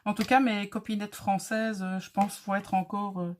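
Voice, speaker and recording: A woman's voice: mid-range voice, flat delivery, moderate pace, darkish tone, slight background noise. A woman with a light accent hosting a casual crafting tutorial, chatty and friendly as she talks viewers through each step.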